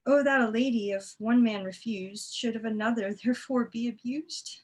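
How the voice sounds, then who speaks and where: A woman's voice: fairly high pitch, moderate pace, darkish tone, lightly acted. A woman reading the part of a forlorn, lovesick young woman in an amateur Shakespeare read-through, pleading and self-mocking.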